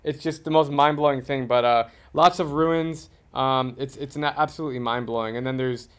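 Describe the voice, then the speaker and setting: Male host, average pitch, enthusiastic and emphatic, conversational interviewer. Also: steady tone, normal speed, clean tone. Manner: enthusiastic, emphatic travel talk. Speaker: podcast host.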